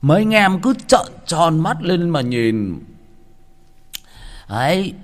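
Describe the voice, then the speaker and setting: A man's voice: a little high, sing-song, takes it slowly. A man telling a story in a casual, chatty first-person way, stumbling over and repeating words as he talks straight to his listeners. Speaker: storyteller host.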